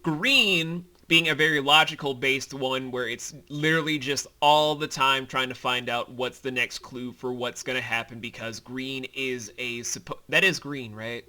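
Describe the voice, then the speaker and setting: A man co-hosts a behind-the-scenes commentary as the creator, chatting casually and explaining things with rambling enthusiasm. His mid-range voice is pushed and bright, with fairly even intonation, a moderate pace and hardly any pauses.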